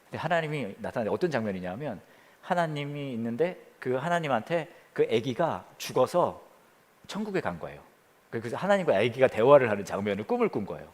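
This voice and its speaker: A man preaching as a pastor, telling a story with quoted voices and dropping to a hush near the prayer. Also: mid-range voice, very animated, a little fast, in a large hall. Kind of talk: sermon. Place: church during the pandemic.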